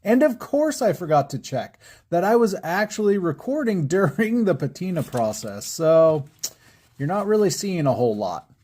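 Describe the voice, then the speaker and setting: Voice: mid-range voice, sing-song, normal speed, dark tone. A stained glass artist hosting a craft tutorial in voice-over, playful and jokey, with puns and frequent chuckles.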